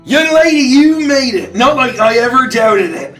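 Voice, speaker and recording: Man putting on a high, booming, fussy doting cook. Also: lively intonation, normal speed, a bit bright, echoey room, recorded from a distance, faint music behind. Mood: hearty, delighted. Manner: fussing, insistent feeding like a doting grandparent. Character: Barnabas, hearty, doting, fussing breakfast cook. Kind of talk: tabletop game role-play.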